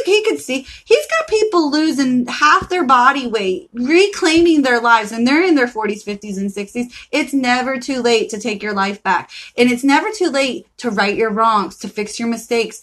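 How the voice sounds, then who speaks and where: A woman giving a live tarot reading in a casual, emphatic pep-talk style, swearing freely as she encourages listeners. Her voice sits a bit high for a woman. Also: fairly bright tone, low-quality recording. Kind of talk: casual live-stream chat.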